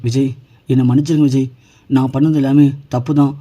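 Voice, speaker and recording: A man's voice: medium pitch, level tone, brisk, warm tone, lightly acted. A man reading the lines of a young woman begging and apologising, in his own plain voice. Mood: pleading. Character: pleading grieving young mother figure.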